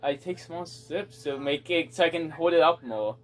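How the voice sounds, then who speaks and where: A man's voice: on the high side, normal speed, crowd noise. A young man co-hosting a podcast, bantering with friends in a joking, defensive way. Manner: defensive, joking, swears and laughs. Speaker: podcast co-host. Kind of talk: casual banter among friends.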